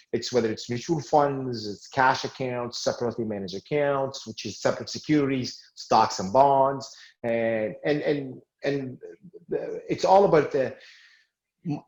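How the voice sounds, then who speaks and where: A man's voice: mid-range voice, a little mellow. A man from Tunisia in his forties answers interview questions, often restarting with fillers along the way. His voice sits in a middle register. The recording sounds roomy and a little dull, like a lo-fi call. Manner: hesitant, many fillers and restarts. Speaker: guest, sales manager in finance.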